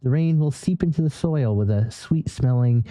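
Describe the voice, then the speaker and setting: A man's voice: mid-range voice, normal speed, dark tone, no echo, rough recording. A man narrating a solo role-play journal in first person, reading aloud with small stumbles and self-corrections.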